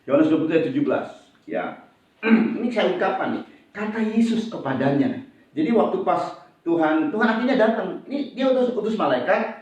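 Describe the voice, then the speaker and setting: A male pastor preaching a sermon in a lively, animated way, slipping into acted-out voices. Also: high-pitched. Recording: echoey hall, distant and dull.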